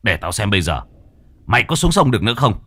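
A man's voice: on the low side, very animated, fast talker, bright, forceful tone, husky, no echo, heavily acted. A man voicing a cocky, stern young male ghost-catcher who taunts a spirit. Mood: taunting.

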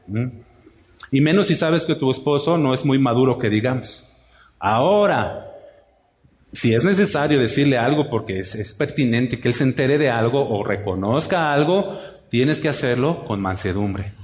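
Animated pastor in an echoey hall. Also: male voice, fairly high pitch. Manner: animated, rhetorical questions, acts out wives' voices. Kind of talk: sermon to women of the church.

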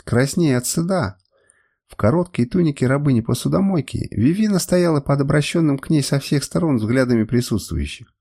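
Brief: male audiobook reader, mellow husky tone, animated first-person narration. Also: fairly high pitch. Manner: expressive, dramatic reading.

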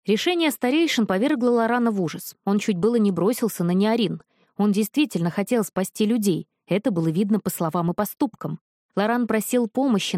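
A woman narrating a fantasy novel as an audiobook, with measured, expressive storytelling. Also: mid-range voice, no echo, clean studio sound.

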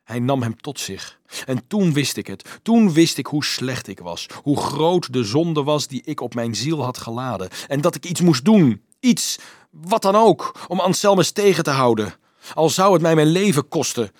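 A man voicing a frightened, guilt-ridden grown man who pleads anxiously, his voice rising high in a storybook reading. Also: lively intonation, measured pace, no echo, clean studio sound. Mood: desperate pleading.

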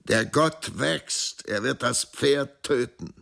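A man voicing an aging Andean scissors dancer, fervent and dying, with a gravelly voice and intense, ecstatic calls. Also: low-pitched, wildly swooping pitch, very slow, a bit bright, heavily acted.

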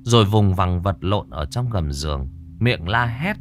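A man's voice: low-pitched, measured pace, a little hiss or hum. Guy reading a ghost story, voice goes up and down a lot, dramatic. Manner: lively, dramatic telling.

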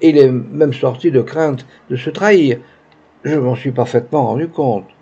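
A man's voice: mid-range voice, moderate pace, mellow, slightly rough. A man reading the lines of a naive, grieving young woman in a tearful, faltering manner, in a dull lo-fi recording. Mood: anxious.

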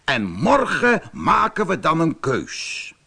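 A man's voice: a little high, wildly swooping pitch, slow, gravelly, bright, forceful tone, slightly rough, voice pushed up, heavily acted. A man voicing a clever lecturing prairie dog. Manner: questioning, then lecturing.

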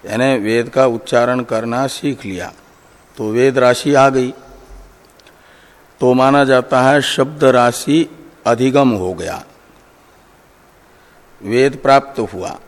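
A man teaching scriptural commentary, reciting Sanskrit passages and then explaining them word by word in a measured, deliberate way. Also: mid-range voice. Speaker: Vedanta teacher. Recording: long hall reverb.

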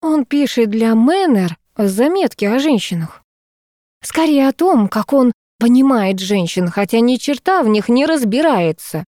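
A woman's voice: medium pitch, fairly quick, hardly any pauses, a little mellow, no room sound, clean studio sound, pitched above the performer's own voice, close to an everyday voice. A woman voicing a scornful young woman in an audiobook, speaking in a biting, disdainful way. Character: scornful young woman, sharp-tongued office friend. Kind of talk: audiobook character voice.

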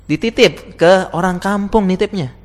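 A man's voice: high-pitched, moderate pace. Chatty man lecturing in a reverberant hall. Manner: chatty, asks the audience questions, laughs often. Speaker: teacher giving a talk to Islamic school teachers. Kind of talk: casual lecture.

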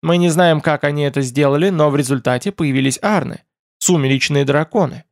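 Audiobook: man reading a gracious, inquisitive ruler, formal speech, gravelly. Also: a little high, a little fast, a little mellow, no room sound, studio quality, close to an everyday voice. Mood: courteous. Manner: formal and polite. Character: courteous, curious lord of a nonhuman race.

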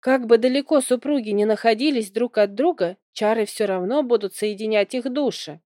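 A woman's voice: on the high side, normal speed, warm tone, dry recording, studio quality, lightly acted. A woman reading aloud, voicing an eager, cheerful young man companion in an audiobook. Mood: earnest.

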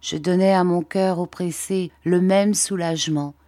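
A woman narrates a classic novel in a steady, measured voice. Her tone is low and mellow. The recording is dry and close. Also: dry recording. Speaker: audiobook reader. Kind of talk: audiobook narration.

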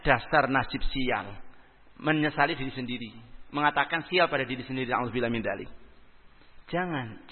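A man giving a religious lecture, preaching with lively swings between loud emphasis and soft asides, weaving in Arabic phrases. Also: on the high side. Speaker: Islamic preacher. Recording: tinny phone-like audio in a reverberant hall.

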